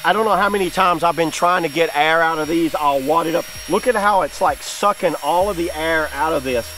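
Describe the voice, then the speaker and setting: An enthusiastic man talks through a gadget demo, filming it himself outdoors. His voice sits a little on the high side, and he keeps things chatty and loose. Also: a little fast, fairly bright tone, a little hiss or hum. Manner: enthusiastic, chatty, lots of "like" fillers. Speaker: product reviewer. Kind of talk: casual hands-on product demo. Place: outdoors on grass.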